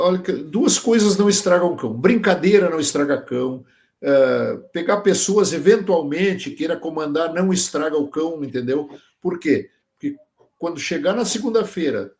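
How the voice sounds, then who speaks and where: A man's voice: on the high side, a little mellow. A man, a guest on a podcast, explaining working dogs with farm examples and checking that the listener follows. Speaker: guest, sheep dog trainer. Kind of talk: casual podcast interview.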